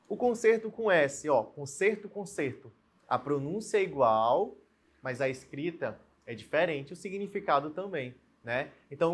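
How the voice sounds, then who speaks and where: Husky Brazilian male teacher. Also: fairly high pitch. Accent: Brazilian Portuguese. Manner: explains slowly, repeats key points, asks learners questions. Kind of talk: video grammar lesson.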